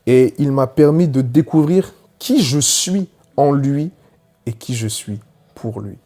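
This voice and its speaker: A man giving his conversion testimony to a congregation, telling it dramatically and swinging from hushed words to loud cries. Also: mid-range voice, expressive, slow pace.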